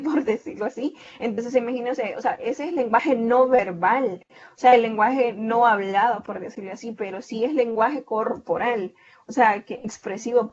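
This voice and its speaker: A woman's voice: on the high side, highs cut off. A woman with a Salvadoran Spanish accent, giving an online tutoring lecture on a video call, explaining at length with frequent fillers and self-corrections.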